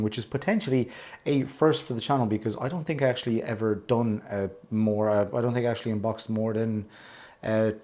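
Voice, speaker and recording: A man's voice: medium pitch, a little mellow. Enthusiastic man unboxing watches. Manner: enthusiastic, rambling, gushes over details. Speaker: watch reviewer, channel host. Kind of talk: casual unboxing vlog.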